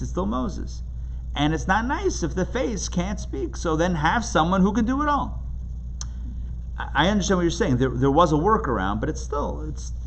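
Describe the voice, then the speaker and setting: A rabbi teaches an indoor class with participants, explaining texts and commentaries in plain talk in an interactive lecture. He is emphatic, repeating phrases and asking rhetorical questions, and his high-leaning voice comes through a rough live classroom recording with background noise.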